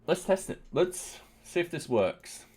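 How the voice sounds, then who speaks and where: A man's voice: fairly high pitch, sing-song, measured pace, darkish tone, slightly rough. A man streaming himself writing code, talking casually through each step with dry, slightly sarcastic asides. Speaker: streamer and software developer. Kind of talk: live coding commentary.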